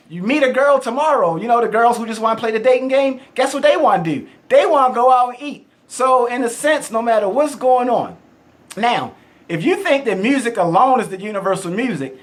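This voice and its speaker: A man's voice: sits high, fairly bright tone. A man with a heavy Baltimore accent, joking and boasting with frequent laughs in a casual casting interview. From Baltimore, Maryland, USA. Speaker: game show contestant hopeful. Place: casting room in Las Vegas.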